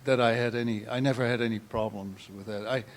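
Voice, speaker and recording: An older man from the Netherlands with a Dutch accent, speaking at a panel talk in a meandering way, restarting phrases and clearing his throat. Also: medium pitch, steady tone, fast, a little hiss or hum. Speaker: photographer, guest artist.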